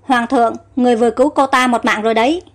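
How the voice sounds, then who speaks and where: A woman's voice: a little high, steady tone, very fast, soft background music, close to an everyday voice. A woman reading aloud as a loyal male army general who speaks anxiously and deferentially. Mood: reproachful.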